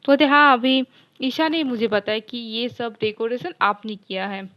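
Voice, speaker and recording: A woman's voice: on the high side, moderate pace, fairly bright tone. A woman casually retelling a romance story, acting out each character's lines loosely in her own voice, with many fillers and restarts.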